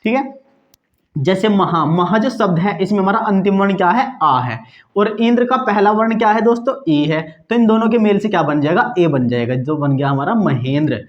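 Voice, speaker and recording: A man's voice: sits high, lively intonation, normal speed, dull audio. A man teaching a grammar lesson, often checking in with the class and posing questions he then answers. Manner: repeats "ठीक है दोस्तों" and asks quiz-style questions.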